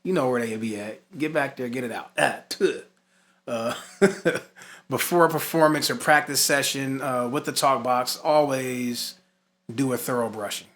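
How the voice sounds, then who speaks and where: Speaking at an unhurried pace, the man hosting and teaching this talk box tutorial has a medium pitch and a fairly bright tone. He blends scripted lines with loose conversation, hammering home his key points through stress and repetition.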